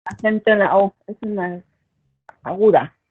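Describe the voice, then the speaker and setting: A woman's voice: mid-range voice, a little slow, a little mellow, slightly rough, dry recording, muffled recording. A woman student answering a teacher's questions a little tentatively.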